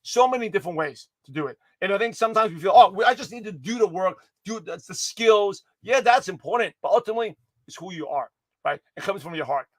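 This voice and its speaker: Speaking directly to viewers, this motivational speaker delivers his daily pep talk in a quick, high, somewhat hoarse voice, full of energetic tangents, restarts and mid-word corrections that circle back to the main idea. The audio is dry, close and a bit rough, with no surrounding room.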